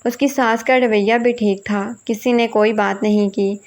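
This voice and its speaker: A woman with a fairly high, darkish voice and fairly even intonation reads a first-person family drama aloud. As the story's narrator, she gives every character her own voice, quoting family members plainly.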